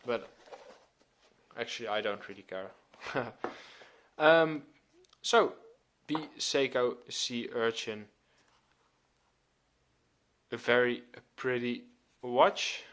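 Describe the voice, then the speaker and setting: A man of twenty hosting his own channel, giving a relaxed, filler-filled watch review. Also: medium pitch, takes it slowly, pauses often, slight background noise. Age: 20s. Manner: relaxed, hesitant with many fillers. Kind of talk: casual video review.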